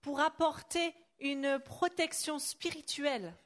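High pitched woman translating a sermon line by line, some ums and restarts. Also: steady tone, slow. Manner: translates phrase by phrase, with fillers and self-corrections. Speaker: interpreter. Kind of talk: live sermon interpreting.

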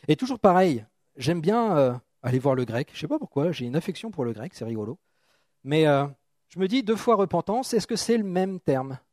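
A man's voice: on the high side, very animated, moderate pace, darkish tone, dry recording, studio quality. A middle-aged man from France preaching an informal, joking sermon, thinking aloud with many restarts and asides.

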